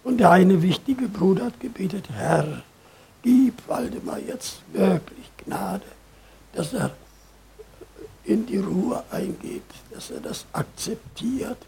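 Older preacher, unhurried, storytelling sermon with sudden loud emphasis. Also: male voice, sits high, vocal fry, slightly rough. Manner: lively storytelling, swings from loud emphasis to quiet asides.

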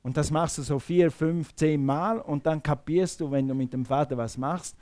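A man preaching a sermon, shifting between quiet talk and loud calls. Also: fairly high pitch, fairly even intonation, normal speed.

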